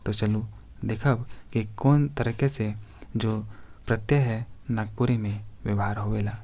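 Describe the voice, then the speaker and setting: A man's voice: fairly low pitch, fairly even intonation, measured pace, darkish tone. A man teaching a grammar lesson for exam preparation, reading out word examples one by one and addressing viewers as friends.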